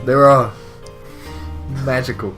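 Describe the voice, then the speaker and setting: A man's voice: medium pitch, slow pace, a bit bright, soft background music. A man co-hosting a casual comedy show, laughing often and swearing freely. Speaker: podcast co-host.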